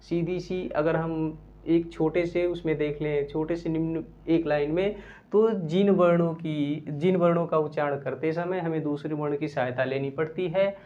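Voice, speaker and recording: A man teaching a grammar lesson, explaining step by step, repeating phrases and dictating definitions slowly word by word. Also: a little high, steady tone, warm tone. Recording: dull lo-fi recording.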